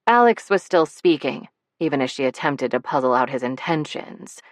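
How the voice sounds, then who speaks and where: A woman audiobook narrator reading a romance novel in an intimate, measured way that turns breathy on soft lines. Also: sits low, expressive, no room sound, clean studio sound.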